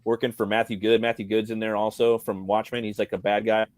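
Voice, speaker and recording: A man's voice: lowish voice, little pitch movement, quick pace, a little mellow, no echo. A man co-hosting a podcast, rambling and swearing as he chats casually about films. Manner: rambling, heavy swearing, slangy. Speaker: podcast co-host. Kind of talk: casual movie chat.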